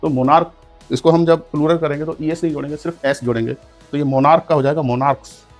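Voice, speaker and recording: A man's voice: on the high side, steady tone, fast talker, faint music behind. A man teaching an English grammar lesson in Hindi, explaining rules step by step and spelling words out letter by letter. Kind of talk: classroom lesson.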